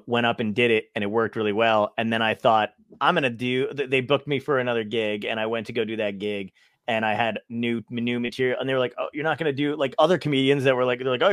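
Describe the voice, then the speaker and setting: Fast and profane, this mid-range-voiced podcast host rambles loosely through casual interview talk, full of tangents and self-deprecating laughs. The recording is dry, close, and a bit bright, with no sense of the room.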